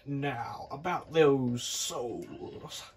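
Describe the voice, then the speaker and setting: A man voicing a sleazy male devil who owns a casino, speaking slowly, loudly and with menace. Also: medium pitch. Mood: menacing.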